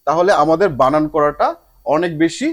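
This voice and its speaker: A man with a high voice teaches a spoken lesson to his viewers. He slips English phrases into his sentences and drags each example word out slowly so it can be heard part by part. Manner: slow drawn-out word demonstrations; mixes English phrases into speech.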